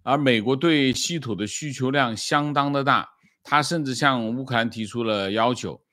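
A man giving spoken news commentary, with frequent drawn-out "ah" fillers and small self-corrections. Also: medium pitch, sharp tone, dry recording, studio quality.

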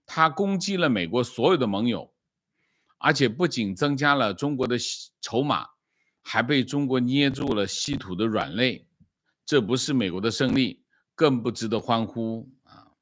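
A man talks through current affairs in a steady commentary voice of middling pitch, often pausing on a drawn-out "ah" and correcting himself mid-phrase. The recording is dry and close, with no room sound. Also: dry recording. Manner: frequent drawn-out "ah" fillers and self-corrections. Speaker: news commentator. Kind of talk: news commentary.

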